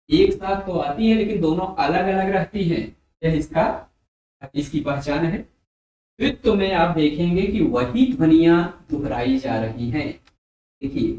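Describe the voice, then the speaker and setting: A man teaching a Hindi grammar lesson for exam preparation, explaining slowly and repeating letters and sounds aloud for his students. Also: on the high side, darkish tone, dull audio. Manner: addresses viewers as dear friends. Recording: very echoey room.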